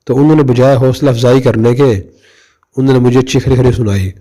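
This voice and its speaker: A man's voice: medium pitch, steady tone, mellow. A middle-aged man, a preacher from Pakistan, telling a personal story in a conversational way and speaking directly to his listeners. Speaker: Islamic preacher. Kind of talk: storytelling religious talk.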